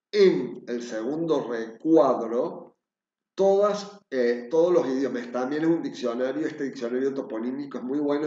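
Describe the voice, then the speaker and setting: A man's voice: mid-range voice, dark tone. A man with an Argentine accent, a translation instructor giving a patient screen-share lecture and pointing out details as he goes. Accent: Argentine Spanish. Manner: patient, repeatedly pointing things out. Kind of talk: screen-share lecture walking through reference dictionaries. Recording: roomy, slightly dull recording.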